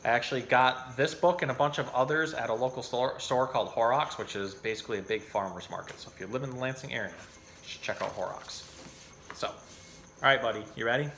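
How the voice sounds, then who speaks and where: A man with a mid-range, slightly bright voice presents informally as a zookeeper hosting an educational animal storytime. He explains things in plain, everyday language while giving a casual talk and reading a storybook.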